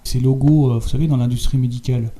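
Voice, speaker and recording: A man's voice: medium pitch, fairly even intonation, fast talker, dark tone. A man commenting over images in a video, hesitant and insistent, stumbling over repeated words and ending phrases with tag questions. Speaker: video host.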